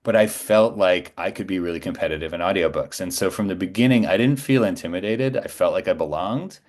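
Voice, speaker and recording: A man in his forties, a voice actor appearing as a podcast guest, tells anecdotes in an interview with casual self-assurance. His voice is low-pitched and his pace fairly quick.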